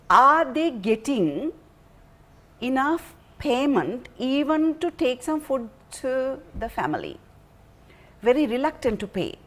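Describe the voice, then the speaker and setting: Slow-speaking Sri Lankan-accented woman presenter. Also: a little high. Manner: emphatic, halting, repeats phrases. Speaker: programme presenter. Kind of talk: earnest unscripted appeal to viewers.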